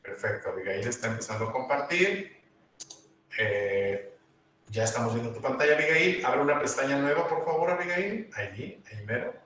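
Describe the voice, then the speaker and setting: A man's voice: medium pitch, animated, normal speed, a bit bright, far from the mic, slight background noise. Male teacher, patient step-by-step delivery, very echoey room, a bit off-mic. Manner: patient, step-by-step, repeats instructions. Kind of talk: online class instruction.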